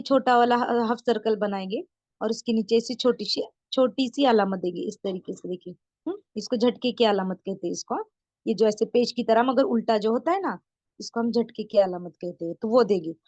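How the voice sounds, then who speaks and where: A woman teaching an online beginner Urdu writing lesson, patient, repeating words slowly and often checking that her students follow. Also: on the high side, darkish tone, no room sound, muffled recording. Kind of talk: online beginner lesson, explaining letters step by step.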